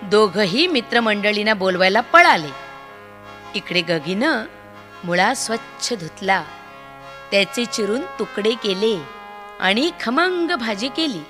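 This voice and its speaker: A woman reading a children's story aloud, expressive and sing-song, in a hall with long reverb and faint music behind. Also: medium pitch, slow, long pauses.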